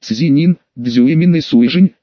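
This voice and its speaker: Man narrating an audiobook, slightly high. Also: a little slow, mellow, no echo. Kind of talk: scripted narration. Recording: dull, dry studio recording.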